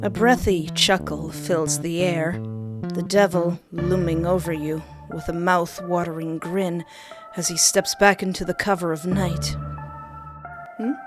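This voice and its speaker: A woman streamer plays a dating simulator, doing let's-play commentary in a lowish, steady, unhurried voice. She moves between reading the narration aloud and reacting with playful exclamations. Game music plays behind her.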